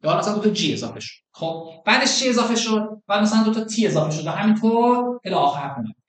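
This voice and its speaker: Guy teaching a class, slightly high voice, keeps asking the students questions. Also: expressive. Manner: asks students questions, explains step by step. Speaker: university lecturer. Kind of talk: classroom lecture with screen demo.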